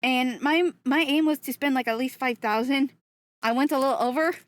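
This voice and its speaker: A young woman streaming casually, excitable, often gasping and laughing, and swearing freely. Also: high-pitched, moderate pace.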